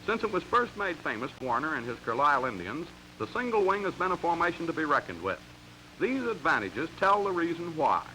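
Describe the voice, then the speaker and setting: On an old, rough soundtrack with slight hiss or hum, an American man gives crisp, emphatic instruction in a 1940s sports training film. His voice is on the high side, very animated, bright and forceful, moving a little fast.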